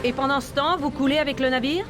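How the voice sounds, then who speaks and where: Woman as Cortana, high-voiced wry ship AI. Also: quick pace, over music, lightly acted. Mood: wry, confident. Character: female ship artificial intelligence, wry and self-assured. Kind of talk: dramatic video game dialogue.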